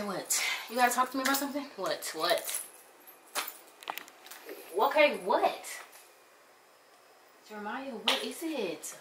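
A young woman in casual chat, teasing and questioning someone in a bedroom. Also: mid-range voice. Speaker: vlogger's partner. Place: bedroom at home. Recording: echoey room with background noise.

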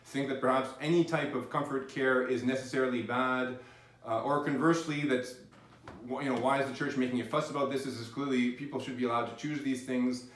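A middle-aged physician giving a faith-based lecture, speaking earnestly and haltingly, with many restarts. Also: male voice, medium pitch. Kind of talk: faith-based academic talk. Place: lecture room. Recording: very echoey room, distant mic, faint noise.

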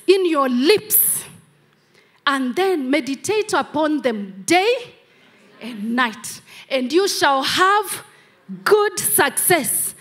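A middle-aged Kenyan woman, a pastor whose first language is Kamba, preaches a sermon on stage in a large church hall using a handheld mic. Her voice is high and a bit bright, and she leans on emphatic repeated phrases.

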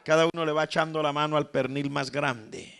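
A man's voice: on the high side, steady tone, fairly quick, vocal fry, fairly bright tone. A man with a Colombian accent preaching a sermon, telling stories, acting out the quoted lines and often calling his listeners "brother". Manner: storytelling preacher, calls the congregation "hermano", acts out the quoted lines. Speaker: pastor.

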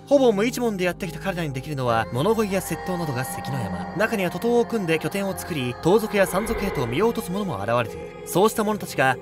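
A man voicing a theatrical vampire host giving a grandiose scripted narration about history. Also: high voice. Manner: grandiose lecturing narration with a catchphrase ending. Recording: background music throughout.

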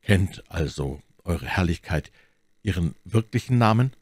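A man's voice: low voice, lively intonation, unhurried, a little mellow, breathy edge, no echo, full character voice. A man voicing a grim, zealous young officer in an audiobook, speaking curtly and pressingly. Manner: curt and pressing. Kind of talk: audiobook character voice.

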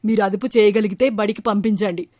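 A woman's voice: medium pitch, fairly even intonation, a little fast, warm tone, no echo, clean studio sound, lightly acted. A woman voicing a stern village schoolteacher who scolds a father angrily, in a storybook tale. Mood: angry scolding. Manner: scolding, indignant.

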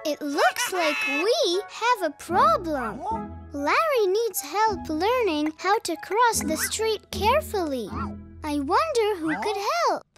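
A performer voicing a cheerful, curious three-year-old boy bunny puppet hosting a preschool show, talking in a slow, exaggerated, sing-song, wondering way. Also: very high-pitched, sing-song, full character voice. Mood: curious, helpful. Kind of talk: children's educational puppet show, talking to young viewers. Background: children's music.

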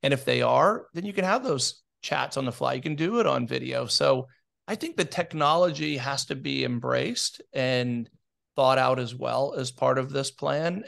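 Gravelly-voiced man giving advice. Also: mid-range voice. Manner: steady advice-giving, frequent ums and restarts. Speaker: podcast co-host. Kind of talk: casual business podcast chat.

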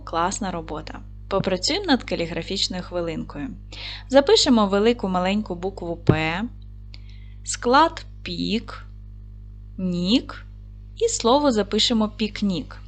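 Patient woman teaching young children. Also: medium pitch. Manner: asks questions, pauses, then answers them herself; slow, careful, clearly spelled-out speech. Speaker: primary school teacher. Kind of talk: video lesson for young children.

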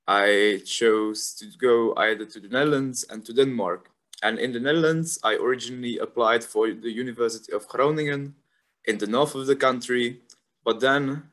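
A man's voice: fairly low pitch, a bit bright. A young man from the Republic, a university student talking casually and thoughtfully about his studies, with frequent fillers. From Czech Republic. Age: young adult. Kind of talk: casual informational talk.

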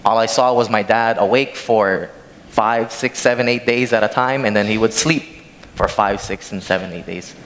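Low-voiced young preacher in a big echoing church. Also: male voice, moderate pace, fairly bright tone. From Hawaii. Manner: plain conversational storytelling, walking the stage. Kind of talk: sermon with scripture reading. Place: large church sanctuary stage. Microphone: handheld microphone from a far camera. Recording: long church hall reverb, faint noise.

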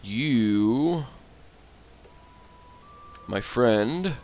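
A man's voice: medium pitch, expressive, very slow, a little mellow, slight background noise. A man commenting casually on his strategy game as he plays, grumbling at setbacks and talking to his units. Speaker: gaming channel host.

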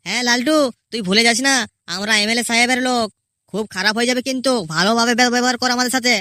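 A woman's voice: on the high side, fairly even intonation, fast, pushed and bright, dry recording, studio quality. A woman playing a taunting male henchman. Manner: teasing, taunting, crude jokes. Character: cheeky male village henchman, young adult, mocking.

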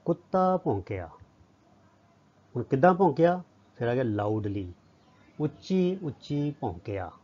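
A male teacher with a Punjabi accent explains English grammar. He asks a question and answers it himself, and he reads the English sentences slowly before translating them. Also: medium pitch, very animated, warm tone. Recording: dull lo-fi audio.

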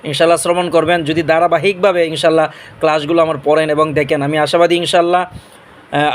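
High-pitched guy, native bengali speaker, quran teacher sounding out arabic letters slow one by one then explaining. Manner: drills Arabic letters slowly, then explains in plain speech. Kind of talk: slow letter-by-letter pronunciation lesson.

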